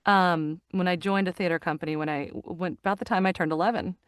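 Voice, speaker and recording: A woman's lowish voice, fast, clear, and resonant, is heard on a dry, clean studio recording. She is in her forties, an actor and narrator, openly chatting in a casual interview with plenty of laughter and animation.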